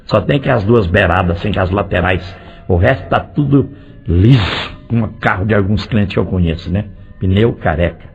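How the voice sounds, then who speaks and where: A male pastor preaching a lively sermon, firing direct questions at the congregation and swinging between loud and soft delivery. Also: lowish voice, moderate pace. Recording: dull lo-fi recording with faint music.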